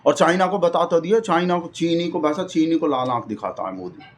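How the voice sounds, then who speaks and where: A man's voice: a little high, a little fast, slight background noise. A man runs through a satirical monologue. He rambles in a folksy, mock-earnest way, playing a devoted supporter.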